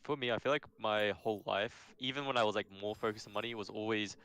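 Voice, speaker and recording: Bright, low-voiced man in his twenties. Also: quick pace. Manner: reflective, hedging with "I feel like". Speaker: podcast co-host. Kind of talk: casual chat.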